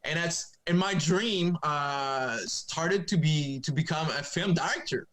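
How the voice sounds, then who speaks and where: Speaking English as a second language with a Quebec French accent, this young comic writer is a guest on a remote podcast, keeping the interview chat casual. He stumbles along with lots of fillers and restarts. His pitch is fairly high and his tone rather bright.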